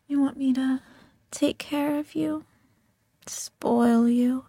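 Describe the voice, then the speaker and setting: Woman, high voice, very slow, teasing whispered roleplay, close-miked and dry. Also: dark tone, slightly rough, dry recording. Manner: teasing, coaxing, mostly whispered. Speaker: audio roleplay performer.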